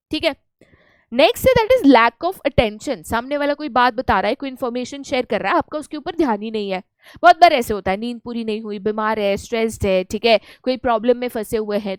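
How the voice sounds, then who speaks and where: Young Indian female teacher, high clear voice, dry close sound, animated and playful. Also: no room sound. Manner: lively, acts out little scenes with playful voices. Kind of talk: online lecture in Hindi mixed with English.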